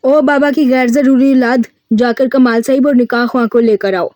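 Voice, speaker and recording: A woman's voice: sits high, steady tone, normal speed, no echo, clean studio sound, close to an everyday voice. A woman voicing a hot-tempered, possessive young man in a novel reading. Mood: angry. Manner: forceful, commanding.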